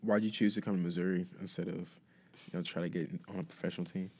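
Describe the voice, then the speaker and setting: A man hosts a casual interview, asking curious, friendly questions. His voice sits low and he talks at a quick clip. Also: fairly even intonation, mellow.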